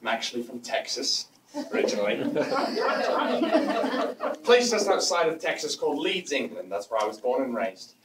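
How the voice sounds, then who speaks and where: A man's voice: medium pitch, big pitch swings, moderate pace, pauses often, background noise. A man performing as a stage magician, with playful, teasing banter toward a volunteer. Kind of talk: live stage magic patter. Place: live stage before an audience. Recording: echoey stage sound from far off with loud ambience.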